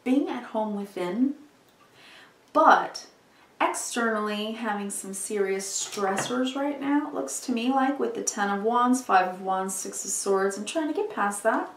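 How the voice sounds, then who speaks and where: A woman with a medium-pitched voice reads tarot in a mystical horoscope style. She guides the listener soothingly and without hurry. The recording is roomy and distant from the microphone. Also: lively intonation, a little slow. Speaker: tarot reader and channel host. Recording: roomy, distant mic with background noise.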